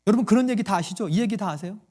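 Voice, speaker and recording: A man's voice: high voice, rapid-fire, dark tone. A male pastor preaching a sermon to his congregation, quizzing them with questions and acting out the voices in his stories. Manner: acts out quoted voices in a story.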